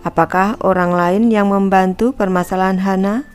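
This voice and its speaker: Faint music plays behind a woman teacher whose smooth, darkish voice stays at medium pitch with fairly even intonation and normal speed. Reading a textbook lesson to schoolchildren, she explains each piece patiently and speaks directly to them, using Ibu for herself and anak-anak for the class.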